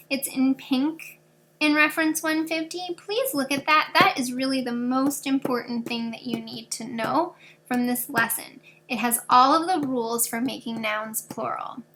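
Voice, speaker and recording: A woman's voice: sits high, bright, forceful tone. A woman teaching a fourth grade class in a recorded video lesson, patiently explaining grammar rules step by step with examples.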